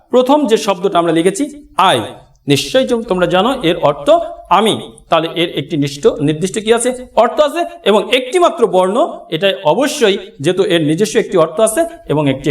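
A male teacher with a Bangladeshi Bengali accent, giving a classroom grammar lesson, addressing his students directly and slowly spelling out example words. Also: high-pitched, big pitch swings. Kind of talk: classroom lesson explaining at a board.

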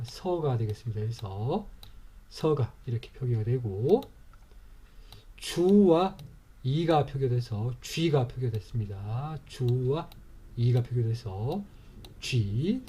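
A man's voice: medium pitch, warm tone, breathy edge. A middle-aged man teaching a lecture step by step, patient and repetitive, explaining each part methodically. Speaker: teacher and author.

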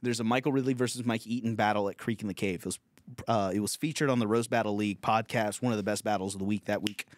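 A young man hosting a podcast, telling a road story from stand-up comedy in a casual, profane, animated way. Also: lowish voice, quick pace. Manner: profane, animated storytelling with laughs and acted quotes.

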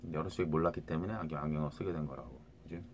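A man's voice: rumbling low, racing, slight background noise. A middle-aged man talking to viewers into a phone in a rambling casual monologue, restarting words and often asking "right?".

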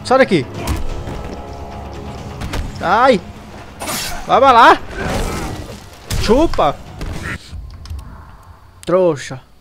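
Excitable Brazilian gamer man over loud game music. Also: sits high, very slow, pauses often. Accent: Brazilian Portuguese. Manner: excitable, yelps and groans at the game. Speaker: gameplay commentator. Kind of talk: casual gaming commentary.

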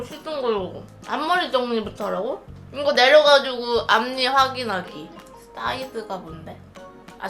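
A woman in her twenties chatting casually on a live stream, telling stories in an animated way and acting out other people's voices. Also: on the high side. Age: 20s.

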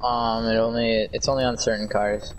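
A young man chatting lazily while playing a game with friends, his words drawn out and unhurried. His voice sits in the middle range. Game noise is clearly audible behind him. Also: medium pitch, level tone. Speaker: gaming friend. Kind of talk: casual chat while gaming.

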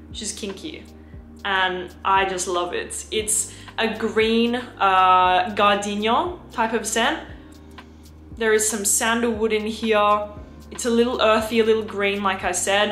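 Gushing young Australian woman vlogger. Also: reverberant. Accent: Australian, with some French influence. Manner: gushing and effusive, slips into a lowered, breathy hush. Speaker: fragrance vlogger. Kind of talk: casual chat.

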